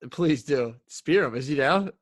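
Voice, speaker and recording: A man's voice: fairly high pitch, lively intonation, unhurried, no room sound, clean studio sound. A man co-hosting a podcast in casual chat, easygoing and joking with plenty of swearing. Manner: easygoing, profane, joking banter. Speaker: podcast co-host.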